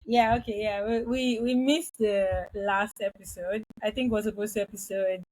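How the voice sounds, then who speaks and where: A woman's voice: medium pitch, fairly even intonation, moderate pace, darkish tone, rough recording. A woman co-hosting a podcast in casual chat, talkative and laughing easily. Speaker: podcast co-host.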